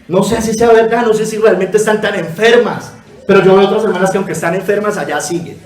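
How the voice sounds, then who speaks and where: A man delivers a sermon as pastor, pleading earnestly and addressing his congregation as brothers and sisters. His voice sits high for a man. The sound is roomy and echoing, caught from some distance from the mic. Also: steady tone, quick pace, faint music behind. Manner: earnest exhortation, constantly calling listeners brother. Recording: echoey room, voice from a distance.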